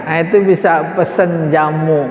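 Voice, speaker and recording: A man's voice: a little high, steady tone, a little slow, music in the background. A man teaching an Arabic grammar lesson in a mosque, quizzing his listeners with informal asides. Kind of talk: religious study lesson. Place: mosque hall. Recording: echoey hall, dull lo-fi sound.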